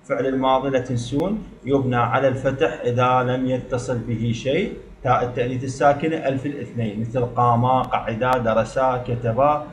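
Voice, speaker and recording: A man's voice: mid-range voice, steady tone, fairly quick, echoey room. A man with an Iraqi Arabic accent teaching a grammar lesson, explaining step by step and repeating words for emphasis.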